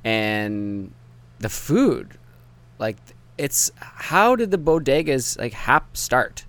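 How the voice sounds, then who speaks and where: A man's voice: mid-range voice, sing-song, drawn-out words, a bit bright. A man hosting a podcast in casual chat, laid-back, laughing often and trailing off mid-sentence. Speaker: podcast host.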